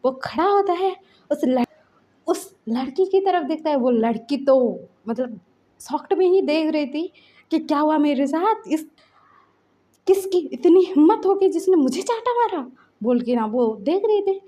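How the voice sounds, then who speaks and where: A woman narrating a fan story in a relaxed, conversational way, as if telling a friend. Her voice is high but warm and mellow. She wanders with little fillers between the events. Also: a little slow. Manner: chatty, loose fillers. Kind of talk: casual fan-fiction storytelling.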